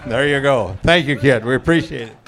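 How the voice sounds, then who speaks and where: A man hosting a class auction, calling out prize winners and joking with the crowd in a booming voice. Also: lively intonation, fairly quick, a bit bright. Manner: jokey, booming crowd address. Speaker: auction host. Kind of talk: live event emcee.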